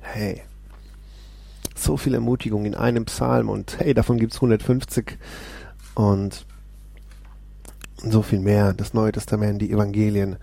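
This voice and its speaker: Man, devotional host, dark husky voice, eager asides to viewers. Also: fairly low pitch, flat delivery, a little slow, long pauses, dry recording. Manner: enthusiastic, exclaims often, speaks straight to viewers. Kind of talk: casual devotional talk with Bible reading.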